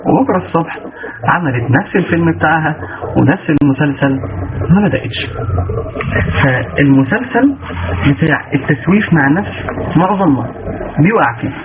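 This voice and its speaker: A man's voice: a little high, animated, fairly quick, long pauses. A man with an Egyptian accent giving a motivational religious lesson, asking rhetorical questions and answering them himself. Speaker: religious lecturer. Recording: tinny phone-like line with noise.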